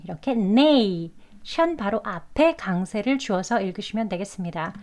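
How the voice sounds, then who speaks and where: Woman pronunciation teacher, native Korean, unhurried, deliberate syllable-by-syllable delivery. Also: mid-range voice. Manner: drawn-out, syllable-by-syllable demonstrations. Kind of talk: slow, careful pronunciation lesson.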